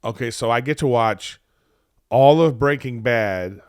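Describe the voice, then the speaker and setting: A man co-hosting a podcast in casual conversation, telling things in an animated way and acting out imagined reactions. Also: mid-range voice, measured pace, clear, resonant tone, no echo, clean studio sound. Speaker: podcast co-host.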